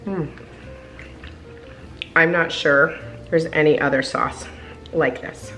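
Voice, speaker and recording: Woman, 30s, home kitchen, cooking vlog chatter, gushing, lowish voice. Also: steady tone, slow pace, sharp tone, faint music behind. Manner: gushing and chatty, often saying "like" and "oh my goodness". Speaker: cooking vlogger. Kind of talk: casual cook-along narration.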